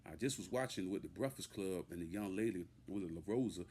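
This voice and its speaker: A deep-voiced man talks quickly and mellowly, with a bit of hiss or hum in the background. He's a hip-hop commentator on an unscripted, indignant tirade, hammering his points through repetition and street slang.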